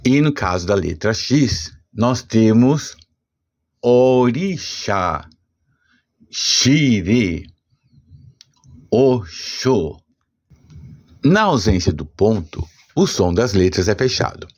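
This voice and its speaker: Brazilian man teaching a language lesson, husky, lively intonation, slow and deliberate. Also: lowish voice. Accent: Brazilian Portuguese. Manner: slow, deliberate explanation with spelled-out examples.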